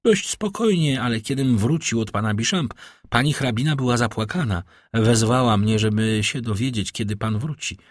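A man's voice: medium pitch, dry recording, studio quality, lightly acted. A man voicing a breathless young manservant. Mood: breathless, deferential. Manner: hurried, deferential reporting. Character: breathless young male servant, eager and dutiful.

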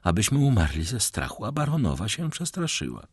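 A man voicing a quick-witted aristocratic wife with a brisk, teasing way of talking. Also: fairly low pitch, huge pitch swings, slightly rough, no room sound, studio quality, voice pushed up, exaggerated voice.

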